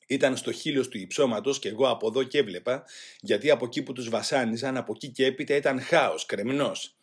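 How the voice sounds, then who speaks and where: A man reading a first-person memoir aloud in a grave, measured way. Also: mid-range voice, slightly rough. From Greece. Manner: grave, measured, voicing shouted quotes louder. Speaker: audiobook reader.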